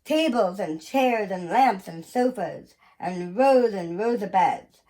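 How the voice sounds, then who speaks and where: A woman reading a children's picture book aloud in an expressive, deliberate storytelling manner with pauses. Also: medium pitch, rough recording. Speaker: museum educator reading aloud.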